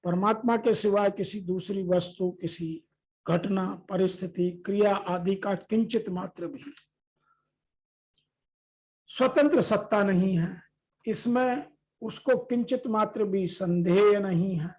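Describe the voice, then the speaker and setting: A woman giving a scripture commentary, deliberately reading translations as measured lists. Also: medium pitch, darkish tone, poor audio. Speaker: Gita discourse teacher.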